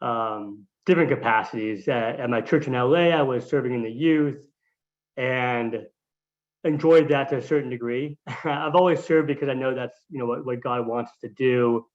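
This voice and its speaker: A man's voice: medium pitch, moderate pace. A man answering as a guest in a casual interview, hesitant and often restarting his phrases, heard over dull lo-fi audio. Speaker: guest, volunteer.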